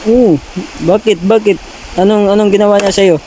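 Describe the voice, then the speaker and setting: A man's voice: high voice, steady tone, moderate pace, mellow, slight background noise, rough recording. A man performing a comedy skit, teasing his partner and repeating his words for laughs.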